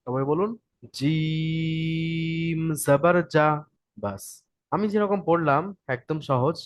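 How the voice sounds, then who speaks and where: A man's voice: medium pitch, no echo. A man with a West Bengal Bengali accent teaching an online Quran reading class, patient and repeating each point to check his students follow.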